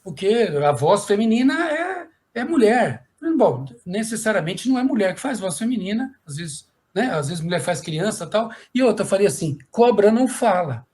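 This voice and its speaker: Animated storytelling man, middle-aged. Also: high-pitched, moderate pace, few pauses. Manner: lively storyteller who acts out quoted voices, frequent "né?". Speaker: puppeteer and voice actor. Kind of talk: panel talk, anecdotes.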